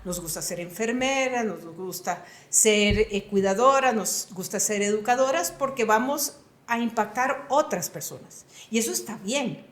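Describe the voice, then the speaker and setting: In a reverberant space, a woman in her sixties answers interview questions at a measured pace, her mid-range voice animated. She is a retired computing professor from Costa Rica with a Costa Rican Spanish accent, and her replies come across as earnest and emphatic.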